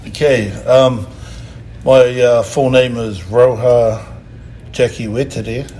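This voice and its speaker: A soft-spoken man in his fifties with a New Zealand accent answers questions at a middle pitch. He pauses often and fills the gaps with ums and uhs. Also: steady tone, slight background noise, poor audio. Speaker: interview guest. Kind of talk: casual interview.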